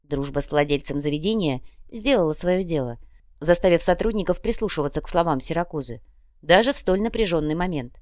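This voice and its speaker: A woman narrating an audiobook in an even, measured storytelling manner. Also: deep voice, no echo, studio quality. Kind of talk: scripted narration.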